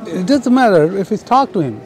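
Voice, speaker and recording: A high-voiced man debating hard on an outdoor park plaza. He keeps interrupting and pressing with pointed questions, his voice caught by a nearby camera mic. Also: big pitch swings, fairly quick, a little mellow, soft background music. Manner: insistent, interrupting, challenging. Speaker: street preacher at a debate booth. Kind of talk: heated street debate.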